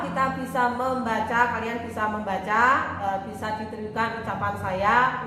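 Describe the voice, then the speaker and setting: A woman English teacher from Indonesia giving a recorded video lesson to students. She talks casually and explains in Indonesian, mixing in English phrases and saying them slowly for students to repeat. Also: fairly high pitch, bright, forceful tone. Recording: very echoey room, faint background noise.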